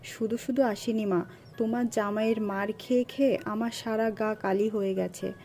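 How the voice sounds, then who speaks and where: A woman's voice: mid-range voice, measured pace, warm tone, soft background music, natural voice. A woman voicing a young wife cast out of her home in an audiobook, speaking in a heavy, tearful, pleading voice. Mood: hurt. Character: young wife driven from home, grieving, desperate. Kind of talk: audiobook character voice.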